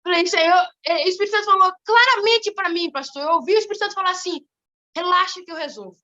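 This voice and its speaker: A teenage girl giving an animated church testimony, telling her story in a quick, lively way. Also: very high voice, highs cut off. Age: teens. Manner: animated, fast-moving storytelling. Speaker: testimony giver.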